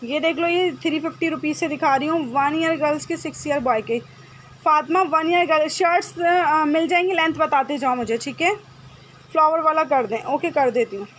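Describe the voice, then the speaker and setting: A woman hosting a live-stream clothing sale, talking briskly and checking with viewers again and again. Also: sits high, a bit bright, slight background noise. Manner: brisk, repetitive, checks with "okay?" often. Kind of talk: live-stream sales chat. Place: home room with generator noise.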